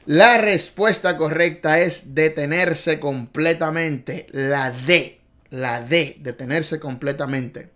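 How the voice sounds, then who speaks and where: A fairly high-voiced man leading a driving theory video lesson. He is exuberant and playful, drilling each point through repetition and calling out to his viewers. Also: a bit bright. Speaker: driving test tutor.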